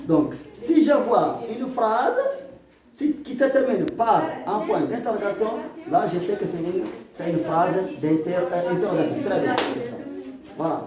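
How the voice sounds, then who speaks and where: A man teaches a grammar lesson, his pitch rising and falling a lot as he repeats and rephrases. He is picked up from across an echoing classroom, with the chatter of students clearly audible around him. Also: expressive, a little slow. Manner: repetitive, stammering restarts, explains with examples. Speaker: French teacher. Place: school classroom. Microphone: far from the mic. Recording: echoey classroom, far mic, student noise.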